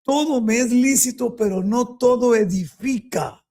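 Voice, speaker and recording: A man's voice: very high-pitched, measured pace, a little mellow. A man preaching a Bible teaching, emphatic and full of rhetorical questions to his listeners. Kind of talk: sermon-style Bible teaching.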